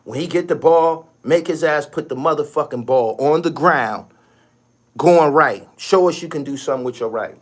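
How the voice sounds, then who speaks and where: A middle-aged man hosting a basketball podcast, ranting bluntly with lots of swearing and sudden loud, high outbursts. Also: normal speed. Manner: animated, blunt, swears a lot, rising to shouted outbursts. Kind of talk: profane basketball rant.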